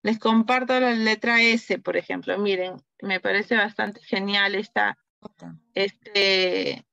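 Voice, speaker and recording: A woman's voice: medium pitch, steady tone, vocal fry, bright, forceful tone, dry recording, highs cut off. A woman teacher giving an online class, patiently demonstrating and often checking in with her listeners. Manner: patient, repeats words slowly and checks in with "¿no?". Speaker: teacher trainer.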